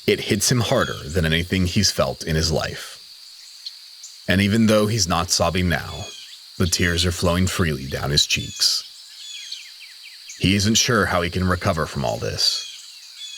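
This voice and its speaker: A man narrates a dramatic story in a deep, low voice with a sharp tone, his delivery solemn and measured. Faint insect-like night sounds and slight background noise sit behind him.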